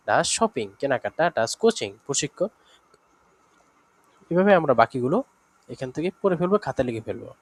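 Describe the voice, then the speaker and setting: A man teaching an online language lesson, running through word examples slowly with fillers and check-ins. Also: medium pitch.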